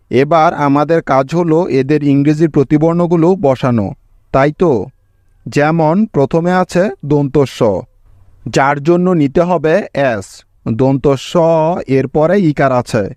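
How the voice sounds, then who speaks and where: A man giving a spelling lesson at a very unhurried pace, breaking each word down letter by letter. His voice sits somewhat high. It is recorded close and dry, with no room echo. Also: a little mellow. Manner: patient, explains letter by letter, checks in with students. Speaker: English spelling teacher. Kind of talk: slow step-by-step spelling lesson.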